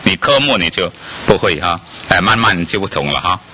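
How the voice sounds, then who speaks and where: Deep-voiced and brisk, a man delivers a lively sermon, frequently questioning his congregation and scattering many "ah" fillers. The recording carries a little hiss or hum.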